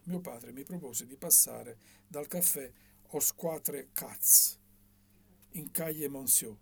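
A man reading a novel aloud in a measured, expressive way. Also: mid-range voice. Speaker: audiobook reader.

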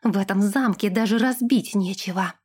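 A woman's voice: medium pitch, normal speed, breathy edge, lightly acted. A woman voicing a spoiled, imperious young princess who snaps and gives orders in an audiobook. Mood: furious. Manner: haughty, sharp-tongued, commanding. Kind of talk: audiobook character voice.

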